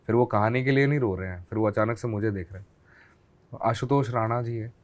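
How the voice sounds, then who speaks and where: A young man, a storyteller guest, talking casually and reflectively in an interview, switching to English phrases and growing animated in anecdotes. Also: on the low side, brisk. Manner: reflective, mixing Hindi and English, animated when telling anecdotes.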